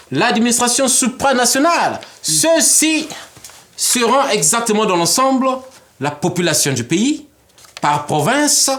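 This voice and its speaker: As an interview guest, a man explains his political ideas in a high voice whose pitch swings widely up and down. He is animated, often slipping into little acted-out exchanges, and he laughs a lot.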